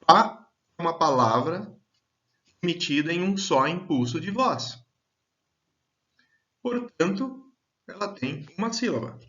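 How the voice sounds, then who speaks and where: A man teaching a grammar lesson, speaking slowly and deliberately and drawing out example words. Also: fairly high pitch, animated, sharp tone. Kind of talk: slow, clear grammar lesson. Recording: dull, lo-fi sound.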